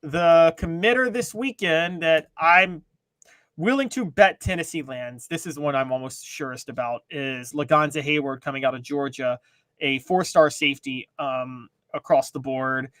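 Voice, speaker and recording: A man co-hosting a sports talk show, talking casually with emphatic, animated delivery. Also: a little high, moderate pace, no echo.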